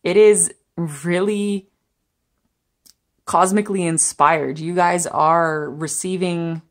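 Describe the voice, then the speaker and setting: A young woman reads tarot for viewers in a pick-a-card format, sitting at a table indoors and talking in a gentle, chatty, meandering way, with occasional laughter. Her voice is on the low side, her intonation fairly even, and she takes things slowly.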